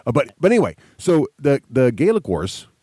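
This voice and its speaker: Male podcast host, medium pitch, enthusiastic and conversational, recorded very dry. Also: huge pitch swings, normal speed, mellow, slightly rough, dry recording. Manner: enthusiastic, chatty. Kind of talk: casual podcast chat.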